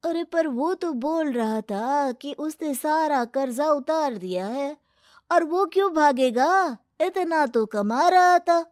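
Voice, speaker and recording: A woman voicing village folk and a flattering moneylender's wife in a moral story cartoon, exclaiming in a folksy way. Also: sits high, slow pace, dry recording, clean studio sound. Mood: questioning.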